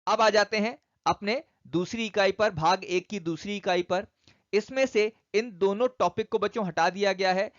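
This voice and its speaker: High-voiced man teaching physics. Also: moderate pace, a bit bright, no room sound, lo-fi sound. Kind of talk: online syllabus lesson for students.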